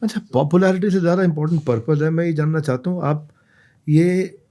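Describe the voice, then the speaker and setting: A man's voice: fairly high pitch, brisk, warm tone. A man from India hosting a podcast, who asks probing and teasing questions. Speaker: podcast host. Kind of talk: podcast conversation.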